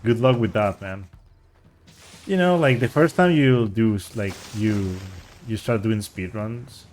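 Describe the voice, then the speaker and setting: Low-voiced man chatting while gaming. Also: unhurried, darkish tone, slight background noise. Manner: rambling and chatty, with frequent restarts and "like". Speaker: speedrunner streamer. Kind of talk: casual live-stream commentary.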